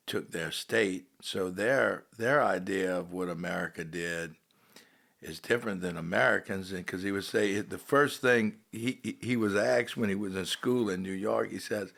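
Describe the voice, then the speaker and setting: Deep gravelly man hosting a chat. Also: fairly bright tone. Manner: conversational, asks guest to elaborate. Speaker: podcast host. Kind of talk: casual interview chat.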